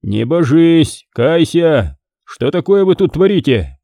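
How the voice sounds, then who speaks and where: A man voicing a stern old abbot, rebuking, slightly raised pitch. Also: big pitch swings, takes it slowly, mellow, no room sound, clean studio sound, heavily acted.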